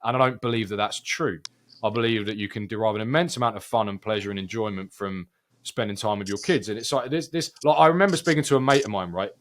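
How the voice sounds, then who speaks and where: A man's voice: fairly low pitch, fast talker. A man in his twenties co-hosting a casual podcast chat, earnestly reasoning through his point at length. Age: 20s. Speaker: co-host.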